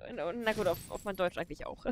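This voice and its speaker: A young woman streams a game from her room, chatting casually and giggling often between remarks. Her mid-range voice has lively intonation and a quick pace, with slight background noise.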